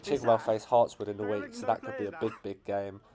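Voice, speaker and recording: A man with an English accent commentating on his own amateur football team's match highlights, his voice cracking as the excitement builds. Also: fairly quick, a crowd in the background. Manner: builds to shouting excitement at late chances.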